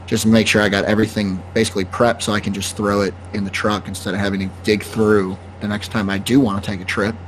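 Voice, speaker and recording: A man co-hosting a podcast, chatting in a relaxed, rambling way about his plans. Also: on the low side, slight background noise. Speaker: podcast co-host. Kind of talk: casual podcast chat.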